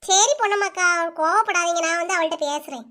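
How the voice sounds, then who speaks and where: Woman voicing a bossy village neighbor. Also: very high voice. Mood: eager. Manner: fast, sharp scolding. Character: brisk young village neighbor woman, bossy but caring. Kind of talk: cartoon voice-over.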